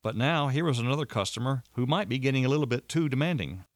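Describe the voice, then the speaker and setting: A man's voice: medium pitch, animated, fast, no echo. A man narrating a first-person audiobook in a dry, wry storytelling manner.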